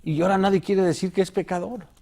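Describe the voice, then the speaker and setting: A man's voice: high voice, fairly even intonation, fast talker, creaky, a little mellow. A male pastor talking earnestly and emotionally about God's love on a devotional talk show.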